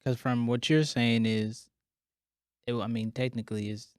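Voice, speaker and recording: Male podcast host, mid-pitched, casual questioning, dry close-mic sound. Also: normal speed, no room sound. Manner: relaxed, laid-back questioning with fillers. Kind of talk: casual interview chat.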